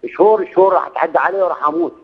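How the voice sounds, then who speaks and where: Calling in to a radio program by phone, a sixty-something man from Iraq pours out his hardship in a rapid-fire, husky voice that sits high. His Iraqi Arabic accent is clear as he repeats himself and swears oaths, all in phone-quality sound.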